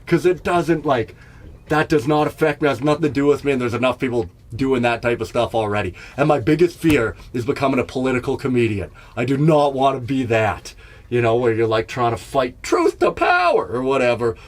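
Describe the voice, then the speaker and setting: A man's voice: medium pitch, expressive, brisk. A middle-aged man from Canada telling stories in a rambling, self-mocking comedy podcast monologue. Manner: rambling, self-mocking, laughs at his own bits. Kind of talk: casual storytelling monologue. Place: in Jasper, staying in an RV.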